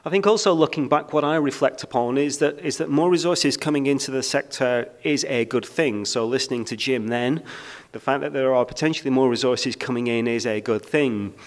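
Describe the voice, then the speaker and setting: Under the lights of a conference stage, a British keynote speaker talks a little quickly at a medium pitch. He fills his speech with frequent ums and uhs and adds a self-deprecating touch.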